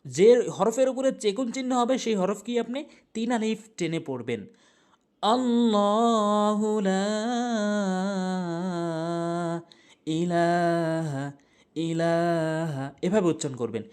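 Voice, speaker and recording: A woman teaching Quran recitation. She chants verses slowly and drawn out, then explains pronunciation and repeats words to correct them. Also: medium pitch, expressive, mellow. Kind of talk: recitation lesson.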